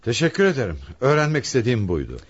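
An actor playing a police commissioner in a radio drama, calm and authoritative. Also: male voice, mid-range voice, rapid-fire, breathy edge. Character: shrewd middle-aged male police commissioner. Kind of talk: 1960s Turkish radio drama acting. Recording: dull lo-fi archive radio recording.

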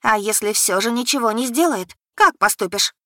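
A woman's voice: on the high side, animated, normal speed, sharp tone, dry recording, clean studio sound, pitched above the performer's own voice. A woman putting on Alina, a probing girlfriend. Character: concerned female friend, young adult.

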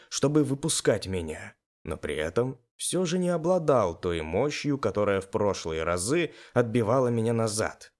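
A man reading a first-person fantasy story aloud with a very lively, expressive delivery. His pitch rises and falls freely in a mid-range voice, as in a performed audiobook. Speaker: audiobook narrator. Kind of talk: first-person narration of game fiction.

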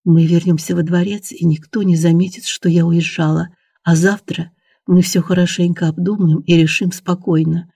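An anxious young noblewoman in a storybook, soft and pleading, as a man reads her lines. The voice sits a little high for a man and hardly rises or falls. It is mellow and dry. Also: little pitch movement, normal speed, breathy edge, dry recording.

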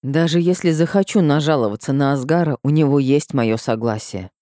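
A woman reading a first-person story aloud as an audiobook narrator, with an expressive, emotional delivery. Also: sits low, a little fast, dry recording, clean studio sound.

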